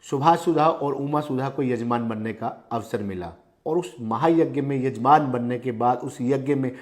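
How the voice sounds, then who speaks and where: A man's voice: mid-range voice, normal speed, a little mellow. A man presenting local news commentary in an emphatic, repetitive manner, stressing phrases by restating them.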